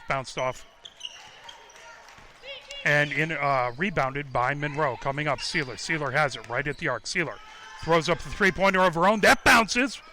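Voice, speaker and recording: Bright-voiced man calling basketball courtside. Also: a little high, slight background noise. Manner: rapid, clipped calls that rise sharply on made baskets. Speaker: radio play-by-play announcer. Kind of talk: live basketball play-by-play commentary. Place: courtside at a high school gym.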